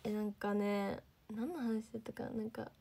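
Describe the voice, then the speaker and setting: A teenage girl chats on a livestream, her voice sitting a little high. She has a lilt, keeps thanking viewers, and often slips into hushed, near-whispered asides. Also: fairly even intonation, normal speed, vocal fry, husky. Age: teens. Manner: chatty, reads and thanks viewer comments, drops to near-whispers. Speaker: idol livestreamer. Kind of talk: casual livestream chat.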